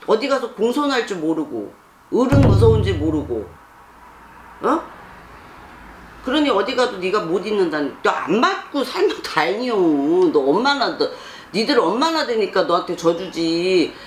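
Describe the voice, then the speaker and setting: A blunt fortune teller lectures and scolds, pushing for answers with sharp repeated questions. The voice sits in a roomy space. A faint hiss of background noise runs underneath. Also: mid-range voice, very animated, moderate pace. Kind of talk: scolding counsel session.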